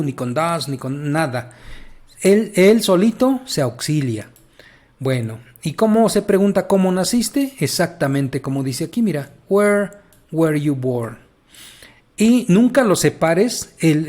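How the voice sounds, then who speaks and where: A man's voice: on the high side, a little mellow. A man with a Mexican Spanish accent explains grammar step by step in a slightly raised voice. He speaks patiently and repeats key points, often turning to the listener to check they follow. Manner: patient, repetitive, addresses the listener directly. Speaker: English teacher.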